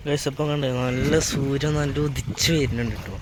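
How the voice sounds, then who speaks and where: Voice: medium pitch, fairly even intonation, brisk. A vlogger, casually narrating an outing to viewers and mixing English words into the talk. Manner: mixes English words into Malayalam. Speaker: vlogger hosting a travel vlog. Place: outdoors at tourist spots and park. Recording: noisy outdoor recording with crowd and traffic sounds.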